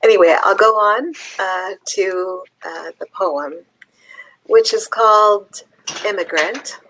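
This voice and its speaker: A woman from Palestine, a poet, talking thoughtfully with pauses and fillers, then reading her own poem aloud. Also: mid-range voice, fairly bright tone, a little hiss or hum, low-quality recording. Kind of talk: conversation and poetry reading.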